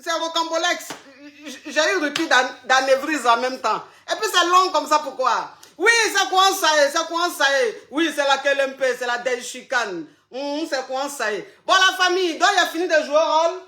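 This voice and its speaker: A woman hosts a comedy phone-in as a self-styled coach, playful and theatrical, hammering her lines through repetition. Her voice sits high and bright, swinging widely in pitch. The room around her is echoey. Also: expressive, normal speed, hardly any pauses. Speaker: comedy show host playing a coach.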